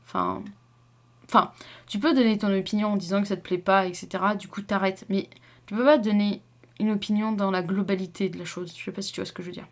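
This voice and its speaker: A woman's voice: medium pitch, fairly even intonation, fast talker. Young woman, chatty book vlogger, rambling, lots of fillers. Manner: chatty, rambling, many fillers and self-corrections. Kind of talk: casual chat to camera.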